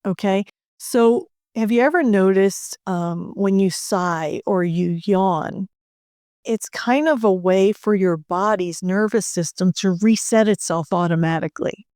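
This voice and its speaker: A woman's voice: medium pitch, unhurried, darkish tone, dry recording, studio quality. A middle-aged woman, a leadership coach, speaking in a soothing way and leading a guest through breathing exercises. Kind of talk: calm guided coaching talk.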